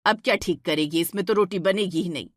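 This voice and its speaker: A scolding middle-aged mother-in-law in a cartoon story, played by a woman. Her voice sits low and the sound is dry and close. She fires sharp, impatient questions. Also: a little fast, no room sound, natural voice.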